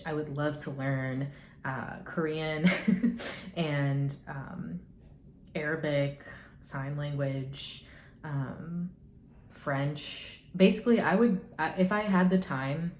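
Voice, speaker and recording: In a casual vlog, this young woman from the United States works through get-to-know-me questions in a deep, somewhat mellow voice. As a YouTuber, she wanders off topic, piles on hedges, and drops dry, sarcastic remarks. Faint noise and an echoey room come through on the recording.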